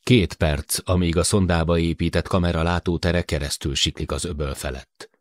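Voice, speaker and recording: Deep-voiced man narrating an audiobook. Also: no echo, studio quality. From Hungary. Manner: measured, even storytelling. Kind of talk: scripted narration.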